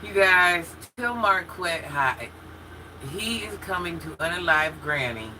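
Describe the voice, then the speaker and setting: A woman's voice: fairly low pitch, expressive, slow, sharp tone, poor audio. Fifties lady livestreaming, answering chat, candid and chatty, laughs a lot, ac hum underneath. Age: 50s. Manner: chatty and candid, talks straight to chat with frequent laughs and restarts. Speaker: livestream host reading viewer comments. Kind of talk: casual chat.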